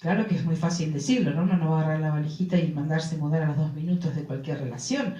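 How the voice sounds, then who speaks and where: A woman's voice: deep voice, fast, warm tone. A woman with a Rioplatense Spanish accent gives a talk on relationships to a live audience, often checking in with rhetorical questions to the listeners. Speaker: speaker on relationships. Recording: roomy sound from a distant mic.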